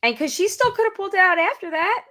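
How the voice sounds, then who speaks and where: Lively, bright-voiced woman. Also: fast talker. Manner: animated, acts out quotes with big pitch jumps. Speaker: podcast co-host. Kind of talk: casual recap chat.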